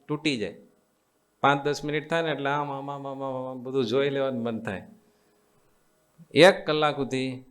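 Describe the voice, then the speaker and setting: Man, Gujarati accent, swami, devotional sermon, call-and-response with audience, repetitive coaxing delivery. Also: medium pitch. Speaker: swami giving a religious discourse. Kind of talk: devotional sermon to a live assembly.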